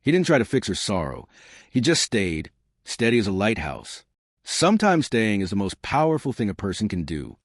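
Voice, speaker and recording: A man tells an emotional story in a scripted, dramatic way. His voice sits low, yet it rises and falls with feeling. It is recorded dry and close, with no room around it. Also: big pitch swings, moderate pace, no room sound. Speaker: story channel narrator.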